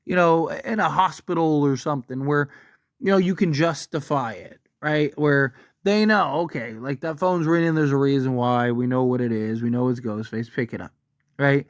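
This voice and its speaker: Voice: medium pitch, no room sound, studio quality. A film fan giving casual opinion commentary in a rambling, emphatic, conversational way, often checking for agreement with short tag questions.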